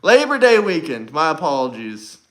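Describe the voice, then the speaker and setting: A man's voice: a little high, sing-song, normal speed. A young man hosting a livestream, chatting casually and brashly to his viewers, repeating himself often. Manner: brash, repetitive, talks straight to chat. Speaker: livestream host.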